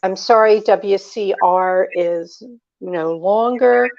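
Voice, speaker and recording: An older woman hosting a food show, interviewing a guest and reading plugs and announcements in a slow, deliberate way. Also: medium pitch, a little mellow, dull audio. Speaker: radio host.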